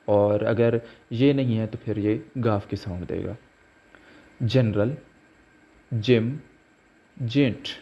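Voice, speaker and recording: Slow-spoken man teaching pronunciation. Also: mid-range voice, dark tone. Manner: slow, deliberate, spells out letters and example words. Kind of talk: slow explanatory lesson. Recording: dull lo-fi recording.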